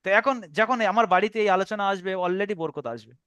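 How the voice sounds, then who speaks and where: A man's voice: sits high, fast talker, a bit bright, clear, resonant tone, dry recording. A man teaching a Quran reading class over an online call, drilling pronunciation by repeating words.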